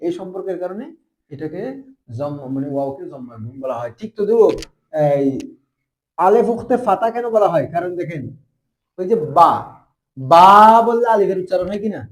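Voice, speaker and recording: A man teaching a classroom grammar lesson. His voice sits high, and he talks quickly, firing rhetorical questions at his students to keep them answering. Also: animated, a little mellow. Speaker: madrasa teacher.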